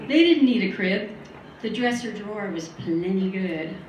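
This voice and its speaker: Deadpan middle-aged woman doing stand-up. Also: mid-range voice, moderate pace, highs cut off. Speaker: stand-up comedian. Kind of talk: stand-up comedy set. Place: small studio at a comedy night. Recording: roomy, distant live recording with faint noise.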